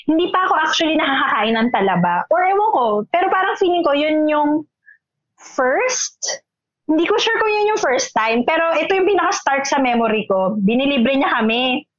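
Animated high-voiced young woman storyteller. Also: moderate pace, dry recording, lo-fi sound. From Philippines. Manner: animated storytelling, switches between Filipino and English. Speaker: podcast co-host. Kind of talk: casual chat.

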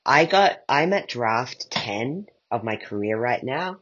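He is a playwright and podcast creator being interviewed, reflecting carefully and wondering aloud. Slow and expressive, his mid-range voice comes across a bit bright yet husky, though the lo-fi audio is dull and muffled.

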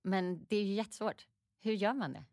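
A woman's voice: medium pitch, darkish tone, no echo, clean studio sound. A woman interviewer asking probing, encouraging questions.

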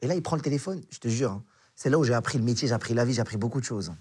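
A young man from Morocco, a comedian guest, telling a story in a casual, animated way and acting out the dialogue. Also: mid-range voice, very fast, breathy edge.

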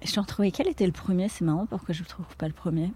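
A woman's voice: fairly low pitch, rapid-fire, mellow, breathy edge. A woman in her thirties, an actress and comedian, chatting in an interview and laughing often as she acts out quoted lines. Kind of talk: casual interview conversation.

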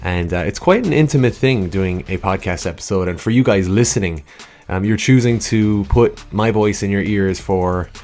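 A podcast host and coach with a low-leaning, slightly mellow voice speaks at normal speed into a studio microphone, faint music behind him. After a scripted opening, his solo show turns casual and chatty, addressed straight to listeners and wandering into tangents.

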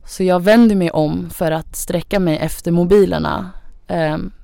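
A young woman with a low, gravelly voice recounts her own story as a podcast guest. Her talk is chatty and loose, packed with fillers. The studio sound is close and dry. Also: steady tone, warm tone, no room sound. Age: young adult. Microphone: studio microphone.

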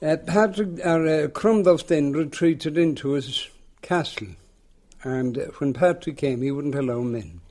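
An elderly man with a rural western Irish accent tells a tale aloud in a lilting, unhurried storyteller's way. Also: on the high side, a little mellow. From rural west of Ireland. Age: older, seventies or above. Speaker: local folklore teller. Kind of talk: oral storytelling in an interview.

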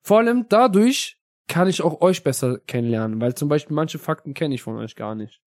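Male podcast host, jokey storyteller, slightly high voice, dry sound. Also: animated, brisk, a little mellow, no echo. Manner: joking storyteller, tags lines with "ne?". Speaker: podcast host asking questions. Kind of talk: casual podcast chat.

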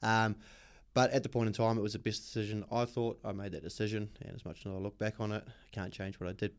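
A man's voice: on the low side, little pitch movement, fast, smooth. A man with a New Zealand accent, a podcast guest talking openly and reflectively about his life, with many ums. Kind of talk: personal storytelling in an interview.

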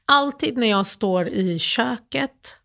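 Grieving woman guest, halting emotional storytelling, lots of false starts. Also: a little high, expressive, gravelly, bright, forceful tone. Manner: halting, emotional, many restarts and fillers. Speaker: interview guest. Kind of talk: personal storytelling in an interview.

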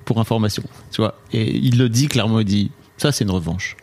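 A man's voice: on the low side, a little fast, a little mellow. A man co-hosting a podcast, chatting casually and animatedly, swearing freely and restarting his sentences. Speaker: podcast co-host. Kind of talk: casual chat.

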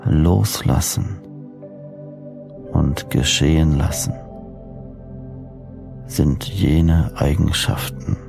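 Slow, very deep male sleep story narrator. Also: vocal fry. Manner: soothing, measured, deliberate phrasing with pauses. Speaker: host and hypnosis coach narrating sleep meditations. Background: new-age music.

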